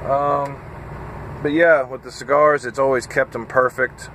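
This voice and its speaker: A man in his thirties, a truck driver, chatting casually and haltingly with lots of fillers while tired and a bit scattered, filmed on a phone at arm's length in his parked cab. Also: mid-range voice, fairly even intonation, fairly bright tone, slight background noise. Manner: rambling, halting, with frequent fillers. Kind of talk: casual vlog chat. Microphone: phone camera at arm's length.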